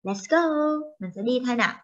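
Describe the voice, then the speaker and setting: A young woman with a Vietnamese accent, a native Vietnamese speaker, teaching children English vocabulary in a slow, drawn-out, cheerful way. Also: a little high, lively intonation. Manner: switches between English and Vietnamese. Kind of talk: bilingual children's vocabulary lesson. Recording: dull lo-fi recording.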